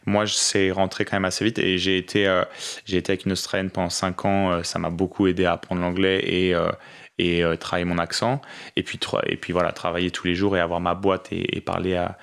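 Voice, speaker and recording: A young man from France telling about his life and business abroad in a relaxed interview, full of fillers and restarts. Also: low-pitched, a little fast, creaky. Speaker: interview guest, business owner in Australia. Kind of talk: casual podcast interview.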